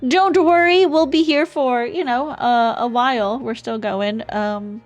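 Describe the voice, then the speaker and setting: A woman's voice: a little high, measured pace. A woman streamer chatting casually on a livestream in a cute, bubbly anime-streamer manner. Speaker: streamer, variety VTuber hosting a voice-acting stream. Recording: music behind the voice. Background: music.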